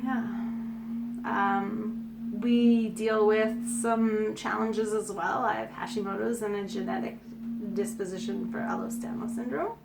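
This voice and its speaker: A woman's voice: mid-range voice, fairly even intonation, measured pace, gravelly, loud music behind the voice. A Canadian woman in her forties with a Canadian accent, chatting casually and cheerfully as a food-site co-host. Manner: upbeat, giggly. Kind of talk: casual chat.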